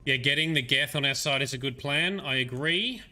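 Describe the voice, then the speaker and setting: An Australian man livestreams a video game, offering casual, sweary, jokey commentary as he plays. His mid-range voice is pushed and bright at a moderate pace. The stream is noisy, with game audio running underneath.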